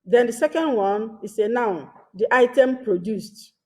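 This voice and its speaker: A woman teaching a grammar lesson, reading each example sentence twice and pausing between short phrases. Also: on the high side, a little mellow. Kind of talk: slow deliberate grammar lesson.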